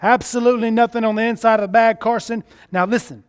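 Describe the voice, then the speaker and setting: His voice is extremely high and smooth, steady in tone and quick in pace: a Southern-accented stage magician from Mississippi coaching a child volunteer through a live kids' show with jokey, showy party-magician patter.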